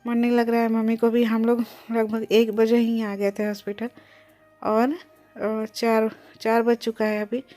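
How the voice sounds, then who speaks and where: Pregnant young woman vlogging her hospital trip, chatty, kinda mellow and flat, bit of music behind. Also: on the high side, measured pace. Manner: chatty, explains as she goes, mixes in English words. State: pregnant, near delivery. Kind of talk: casual vlog narration.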